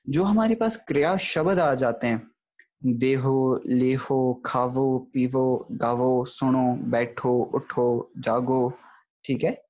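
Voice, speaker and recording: A man gives an online grammar lesson, talking in a fairly high voice. He explains each point patiently and keeps checking in with his students. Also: a little mellow. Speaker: Gurbani grammar teacher. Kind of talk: online lecture.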